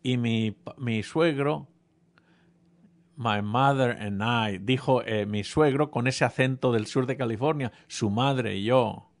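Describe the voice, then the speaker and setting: A man's voice: medium pitch, a little slow, hardly any pauses. A man preaching a sermon, telling a humorous personal story and speaking directly to the congregation. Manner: humorous storytelling, addresses audience.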